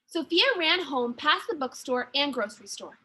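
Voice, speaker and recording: A woman teacher reading a children's story aloud with expressive, deliberate narration. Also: high voice.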